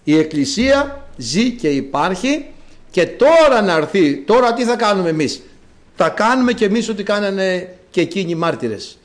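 A man with a fairly high voice gives a sermon. He reads scripture in a measured, chanting way, then preaches to his congregation as beloved brothers, often rising into emphatic bursts. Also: big pitch swings. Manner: addresses listeners as beloved brothers. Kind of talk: sermon with psalm reading.

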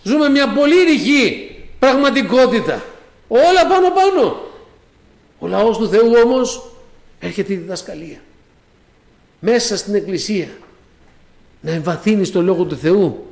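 Man, preacher, very high voice, fervent sermon, frequent hallelujahs, echoey room. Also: very animated, creaky, long pauses. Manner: fervent, peppered with amen and hallelujah; addresses listeners as brothers and sisters.

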